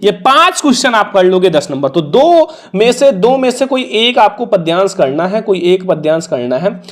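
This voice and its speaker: A man's voice: sits high, sing-song, moderate pace. A man with a Hindi accent teaching an exam prep lesson in a casual, coaxing way, repeating the answers and the marks.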